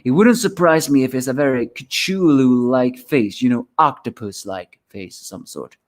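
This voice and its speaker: A man's voice: mid-range voice, moderate pace. A man giving a rambling solo review of a manga chapter, sleepy and yawning, often restarting his words.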